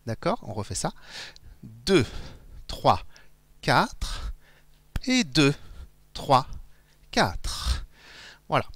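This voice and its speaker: A man's voice: mid-range voice, huge pitch swings, drawn-out words, long pauses, fairly bright tone, husky, no echo. A middle-aged man from France teaching an online dance class, counting the beats aloud as he demonstrates steps in a dance studio. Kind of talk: live online dance lesson. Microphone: far camera.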